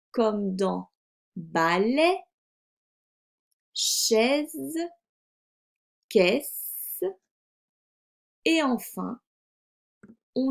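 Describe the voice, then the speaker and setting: A woman teacher giving a recorded phonics lesson to young children, articulating slowly and carefully. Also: a little high, gravelly. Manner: slow, careful, over-articulated delivery. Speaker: primary school teacher.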